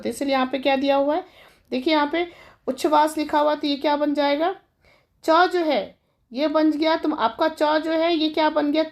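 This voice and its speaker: A woman with a high voice teaches a classroom-style grammar lesson. She works through each example step by step, posing questions and answering them herself, and she calls her students children.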